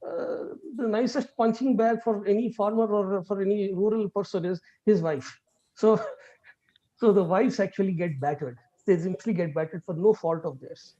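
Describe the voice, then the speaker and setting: Rich: A middle-aged man speaks quickly over a video call, his mellow voice coming through dull and lo-fi. He talks earnestly with plenty of fillers and restarts, like a guest lecturer. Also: high-pitched. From India. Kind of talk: online lecture.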